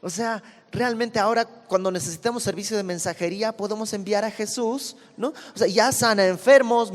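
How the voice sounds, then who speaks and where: A man teaches a Bible study verse by verse. His voice sits slightly high. He explains in a conversational tone, and the recording carries a long reverb. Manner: explanatory, conversational, reads verses then comments.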